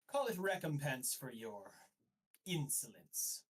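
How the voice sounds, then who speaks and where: Male performer doing a villainous high inquisitor, smirking and cold, unhurried, heard from a distance. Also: big pitch swings, breathy edge, exaggerated voice. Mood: smug menace. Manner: smirking, silky authority. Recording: voice a bit far from the mic.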